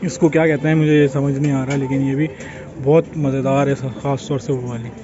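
Holding his phone camera at arm's length, a young man strolls through a waterfront restaurant's outdoor buffet for a casual vlog, chatting easily and pointing out dishes. He speaks briskly in a mid-range voice, while music and crowd chatter fill the dull, lo-fi audio.

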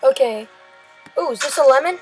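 A woman giving casual, excitable let's-play commentary, shouting at creatures in the game. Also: sits high, moderate pace, music in the background, rough recording. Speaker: gameplay commentator.

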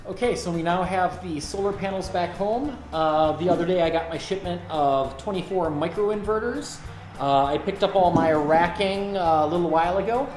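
A man's voice: high-pitched, normal speed, darkish tone, soft background music. Dry-humored man vlogging on the road. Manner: dry self-mocking humor. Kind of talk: casual vlog narration. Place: in a car and a home garage.

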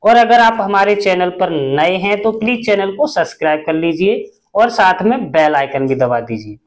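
A man teaching a class, slowly reciting syllables one at a time. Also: sits high. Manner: slow, deliberate, chanting syllables one by one. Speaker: Hindi teacher.

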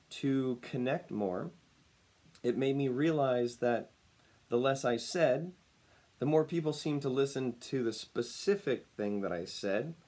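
A personal branding speaker, a man whose voice is slightly raspy while it recovers, gives a casual talk to camera indoors at home, picked up by a webcam at desk distance. He sounds upbeat and smiling and chuckles often. His voice sits in the mid-range and is a little mellow.

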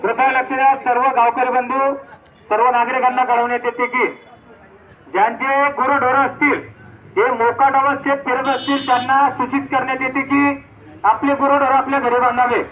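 A man making a formal public announcement over a loudspeaker mounted on a rickshaw, repeating an official notice. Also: very high voice, level tone, moderate pace. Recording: echoey, dull loudspeaker sound with faint noise.

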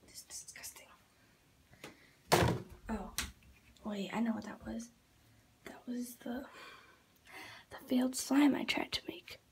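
A teenage girl talks to her camera in a hushed whisper, her voice sitting high. She takes her time, drifting through fillers and half-finished thoughts as she explains what she is doing. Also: slow pace, creaky, long pauses. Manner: whispering, rambling with many fillers. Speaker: vlogger. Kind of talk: whispered home prank vlog.

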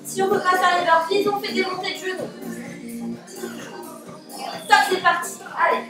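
High-pitched woman coach in an echoey room. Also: little pitch movement, normal speed. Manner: motivating, calling out short commands and counts. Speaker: fitness coach. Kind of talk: home workout instruction. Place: living room, indoors. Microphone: distant camera microphone. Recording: echoey room, far from mic, music.

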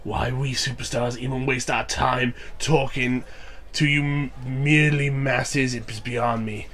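A young man with a cold, sounding nasal, casually comments on a wrestling game as a gaming YouTuber, joking, swearing and reading lines aloud. His mid-range voice is a little slow with fairly even intonation, and he bursts into loud mock cheers.

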